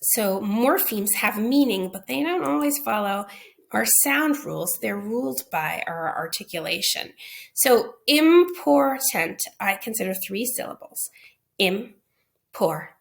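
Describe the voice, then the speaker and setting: A woman's voice: medium pitch, lively intonation, measured pace, gravelly. A woman answering teachers' questions in a recorded phonics lesson, explaining patiently and checking in with "okay?" and "right?".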